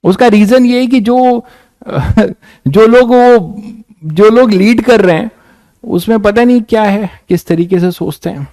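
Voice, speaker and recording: Brief: young male physics tutor, high voice, frustrated and rhetorical, dry close sound. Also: darkish tone, no echo. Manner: frustrated, rhetorical, addresses students directly. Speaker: physics teacher. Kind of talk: lecture with a rant.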